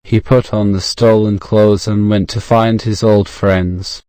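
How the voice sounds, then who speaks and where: A man with a modern British accent reading a scripted story for English learners, measured and clearly enunciated. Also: lowish voice, flat delivery, mellow, no room sound, poor audio. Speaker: audiobook narrator.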